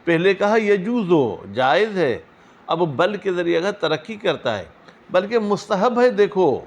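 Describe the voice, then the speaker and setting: A man teaching a seminary class, reading Arabic phrases slowly, then explaining them in quick, questioning asides to his students. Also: high-pitched, big pitch swings. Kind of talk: classroom lecture on a legal text.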